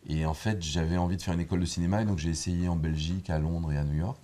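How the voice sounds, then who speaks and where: A man's voice: sits low, steady tone, very fast, dark tone. A middle-aged man, a film director, talking reflectively in a TV studio interview, full of hesitations and restarts. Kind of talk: relaxed interview conversation. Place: TV studio set with armchairs. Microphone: lapel mic.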